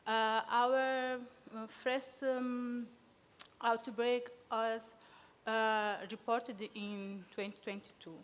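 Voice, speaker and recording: A woman from São Tomé and Príncipe, a native Portuguese speaker, nervously presents an academic talk in a reverberant conference hall. She speaks very slowly with a flat delivery in a voice on the high side, hesitating often with many fillers.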